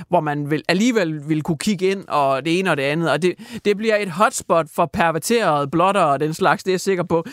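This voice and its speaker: A man's voice: high-pitched, a bit bright, no room sound, studio quality. A man hosting a satirical comedy radio segment, rambling mock-seriously with lots of fillers. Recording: music playing behind.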